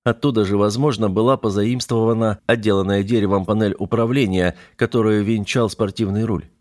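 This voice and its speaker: A man narrating an audiobook in an even, measured reading. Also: fairly low pitch.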